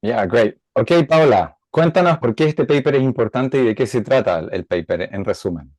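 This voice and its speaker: A man's voice: mid-range voice, expressive, darkish tone, no room sound. Man on a dry mic. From Chile. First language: Spanish. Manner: friendly, engaged, measured. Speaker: associate professor, guest. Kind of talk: interview guest discussion.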